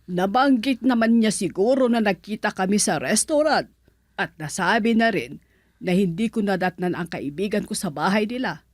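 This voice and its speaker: An actress playing a proud, defiant wife in a radio drama, talking coldly. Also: female voice, mid-range voice, lively intonation, a little slow, no echo, clean studio sound, close to an everyday voice. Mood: accusing. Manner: cold, defiant. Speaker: voice actor.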